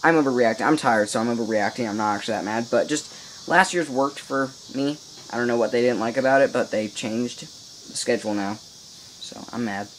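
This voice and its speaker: A man's voice: medium pitch, brisk, a little hiss or hum, low-quality recording. A teenage boy vlogging casually from his upstairs room at home, rambling to viewers with playful mock outrage. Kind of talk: casual video diary. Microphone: microphone in a home room. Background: faint insects chirping.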